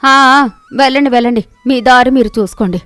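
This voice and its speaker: High, shrill scolding wife, as a woman puts her on, haughty, dry close sound, animated storybook. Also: a little fast, no echo, soft background music. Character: domineering haughty young wife, shrewish.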